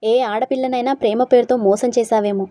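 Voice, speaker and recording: A woman's voice: on the high side, steady tone, brisk, warm tone, no room sound, natural voice. A woman reading a story aloud, voicing a young wife who fiercely accuses her husband and protects a small boy. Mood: accusing. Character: angry young wife defending a little boy.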